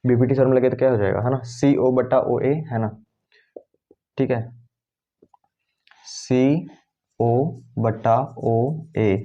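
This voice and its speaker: A man's voice: mid-range voice, warm tone. A male math teacher explains each step as he writes on the board. He keeps checking in with "है ना" and answers his own questions. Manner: talks while writing, with constant "है ना" checks; asks questions and answers them himself. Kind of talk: board-work math lesson. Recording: dull lo-fi sound.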